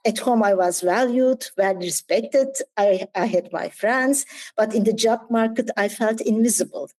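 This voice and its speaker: A woman's voice: medium pitch, unhurried, a little mellow, poor audio. A woman in her forties from Turkey with a Turkish accent, a guest telling her story candidly and reflectively in an interview, with small slips in her English. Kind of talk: interview conversation.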